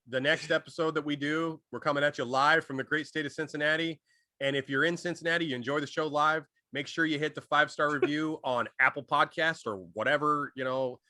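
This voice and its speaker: A man's voice: a little high, bright, forceful tone, no room sound, studio quality. A man co-hosting a comedy podcast, rambling through jokes in casual chat. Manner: rambling, jokey riffing. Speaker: podcast co-host.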